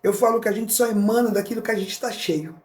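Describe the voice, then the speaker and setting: Brazilian woman, middle-aged, telling her life story on a podcast, animated, does the voices of people in it. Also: mid-range voice, fast, roomy sound. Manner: animated, acts out dialogue in different voices. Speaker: guest, motivational speaker and author. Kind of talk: emotional personal storytelling.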